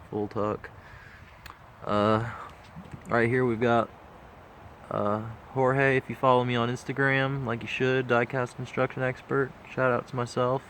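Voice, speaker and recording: A man with a medium-pitched, stuffed-up voice gives a casual walkthrough as a diecast model collector vlogger. He's laid-back and rambles with plenty of fillers, and there's a faint hiss or hum.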